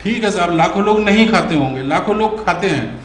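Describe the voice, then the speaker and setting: A man in an interview pleads and argues his point, his voice pitched high. The room around him echoes noticeably. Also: animated, a little fast, a little hiss or hum. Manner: pleading, argumentative. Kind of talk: argumentative interview answer.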